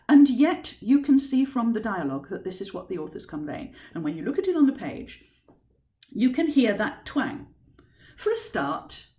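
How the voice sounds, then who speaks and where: A woman author giving an informal teaching talk on writing, thoughtful and emphatic as she explains. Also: mid-range voice. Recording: roomy echo.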